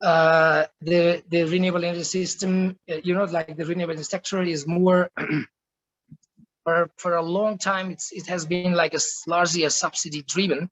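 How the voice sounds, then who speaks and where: Man from Nepal, middle-aged, panelist, halting with fillers, slightly high voice, dry close sound. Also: flat delivery, fairly bright tone, dry recording, rough recording. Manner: halting, many restarts and fillers. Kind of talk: online panel talk. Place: home office in Rwanda.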